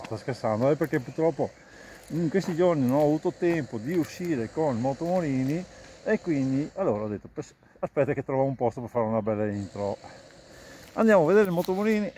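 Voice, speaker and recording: A man's voice: mid-range voice, lively intonation, brisk, mellow. A man chatting casually to viewers as a motovlogger, rambling and repeating his phrases. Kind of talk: casual vlog chat to viewers. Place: outdoors, on and beside a motorcycle. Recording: road and engine noise, helmet action camera.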